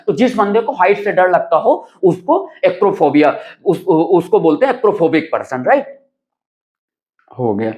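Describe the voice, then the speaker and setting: A man's voice: high voice, big pitch swings, moderate pace, a little mellow. A man teaching a vocabulary lesson, explaining word roots step by step, often checking in with a rising "right?" and mixing in English terms. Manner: addresses viewers fondly as children.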